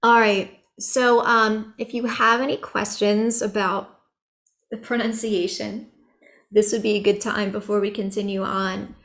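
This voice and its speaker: A woman teaching an online chanting workshop over a video call, chatty and relaxed with light laughs and many fillers. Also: medium pitch, a little slow.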